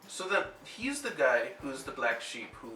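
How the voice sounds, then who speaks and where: A man's voice: mid-range voice, sing-song, normal speed, sharp tone. A man co-hosting an anime reaction, thinking aloud and speculating in casual group discussion. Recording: roomy echo, mic at a distance.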